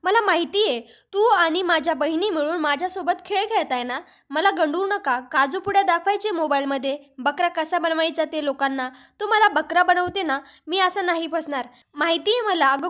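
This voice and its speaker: A woman's voice: very high-pitched, moderate pace, hardly any pauses, a bit bright. A woman reading the lines of a teasing, disbelieving young village man in a storybook retelling. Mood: mocking. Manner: mocking, laughing it off.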